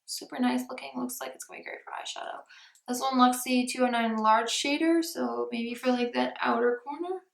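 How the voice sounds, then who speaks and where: Woman, high voice, gravelly fry, chatty unboxing, echoey room without a proper mic. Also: steady tone, brisk. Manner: chatty, often drops to a soft near-whisper. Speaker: beauty vlogger. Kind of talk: casual unboxing chat.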